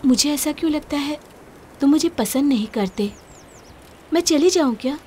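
A high-voiced young woman, coaxing and apologetic, with a giggly, pleading way of talking. Faint outdoor ambience sits behind her voice. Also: lively intonation, moderate pace, dark tone, a little hiss or hum. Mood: earnest. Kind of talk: Hindi film dub.

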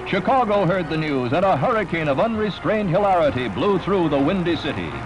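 A man's voice: high-pitched, very animated, a little fast, highs cut off, over music. A man narrating in the dramatic, punchy announcer style of a 1940s old newsreel.

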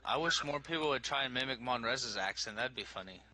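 A man's voice: medium pitch, animated, fast, pushed and bright. A man on gaming voice chat, easygoing and full of casual slang. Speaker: online game player.

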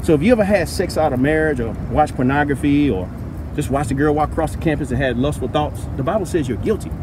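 A man doing street evangelism on a campus, asking questions and persuading in a lively way. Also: fairly high pitch, fast talker. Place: outdoors on a college campus lawn. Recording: outdoor background noise.

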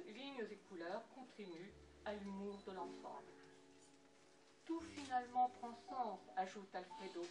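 A woman giving a measured, poetic scripted narration about an art exhibition. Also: fairly high pitch. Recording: roomy, distant voice with music underneath.

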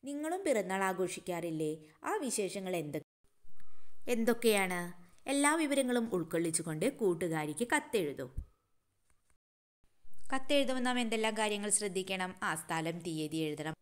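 A woman's voice: medium pitch, expressive, moderate pace, pauses often. A woman teacher going through exam answers for young children, asking questions and answering them herself, with English words mixed in. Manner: mixes English words into her talk.

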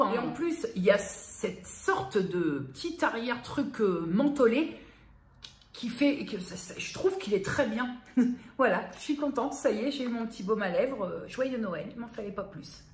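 A woman vlogger chatting casually and familiarly to her viewer, a little self-mocking. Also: a little high. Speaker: beauty vlogger. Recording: roomy echo, faint background noise.

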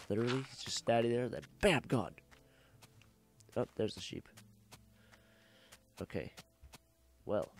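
Rambling and joking through a casual let's-play, a young man with a cough swears freely and fixes his own words mid-sentence. He's clearly sick, and his low-leaning voice comes with slight background noise.

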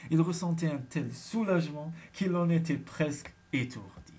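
A man narrates a romance audiobook in a steady, measured reading. His voice is slightly husky and sits a little high for a man.

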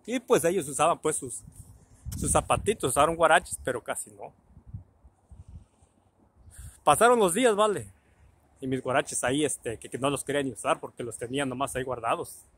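A man's voice: a little high, fairly quick, fairly bright tone, husky. A man telling a casual anecdote about his childhood, colloquial and full of swearing, acting out the people in his story.

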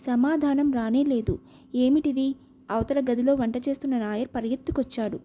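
High-voiced woman narrating an audiobook novel. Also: brisk. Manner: steady, expressive reading.

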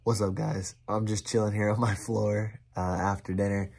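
A man's voice: on the low side, normal speed, gravelly, a loud crowd, very noisy. Tired young man vlogging from camp. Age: young adult. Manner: relaxed, rambling, many fillers. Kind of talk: casual vlog talk to camera. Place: outdoors at a summer camp, and on a cabin floor. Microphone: phone held at arm's length.

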